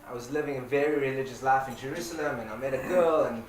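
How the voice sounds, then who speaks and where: A community owner from South Africa talks informally and personally to a live crowd in an event space, his medium-pitched voice fast and given to repeating and restarting words. Captured on a distant mic, the audio has roomy echo and background noise.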